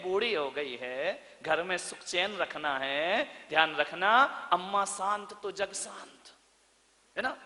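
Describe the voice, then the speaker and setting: A man delivers a theatrical sermon to a crowd in a large hall, his voice high and bright with a sharp edge. He drops to near-whispers and then bursts into shouts, slipping into sing-song voices to act out family quarrels. A long reverb trails behind every word. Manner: theatrical, swings from soft asides to shouted lines; acts out household dialogue in sing-song voices. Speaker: Jain monk preacher. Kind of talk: sermon to a live audience.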